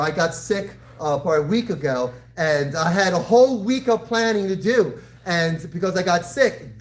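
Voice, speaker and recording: A man in his sixties, a karate instructor, talking to his class in an encouraging, direct coaching style. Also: a little high. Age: 60s. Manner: encouraging, addressing students directly. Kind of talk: live fitness class coaching and motivational talk.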